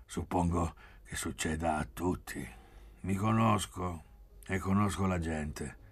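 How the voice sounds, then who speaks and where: Male reader's calm, stubborn young man, deep, husky and gravelly. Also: slow pace, heavily acted. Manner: stubborn, quietly convinced.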